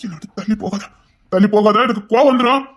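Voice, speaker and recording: Pleading one moment and scolding the next, a performer voices a young husband in a Tamil romance audio drama who vows loyalty to his weeping wife and shouts at others. He speaks fast in a mid-range voice over soft background music.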